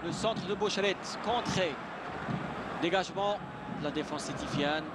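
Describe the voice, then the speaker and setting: A man giving excited live play-by-play football commentary in French as a match announcer. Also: sits high, normal speed. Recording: very noisy live stadium broadcast.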